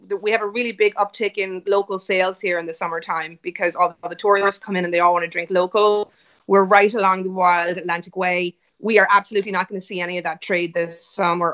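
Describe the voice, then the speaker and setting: A woman who founded a whiskey business joins a web call as an interview guest, explaining at length in a casual, informal way. Her mid-range voice is a bit bright, and the web-call audio is dull.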